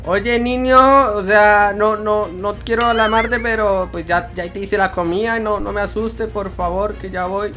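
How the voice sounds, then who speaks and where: Young male gamer, high-voiced, jumpy comic fear, game music underneath. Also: steady tone, a little slow, few pauses, fairly bright tone. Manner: jittery, jokey, feigning fright, slangy. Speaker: gaming YouTuber. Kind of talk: horror game commentary.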